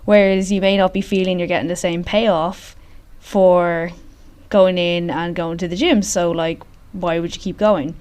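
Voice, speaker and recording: A woman's voice: on the low side, fairly even intonation, a little slow, darkish tone. A woman hosting a casual solo podcast, talking in an informal, chatty way, recorded in the echoey open space of a gym. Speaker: podcast host. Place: large open gym, indoors.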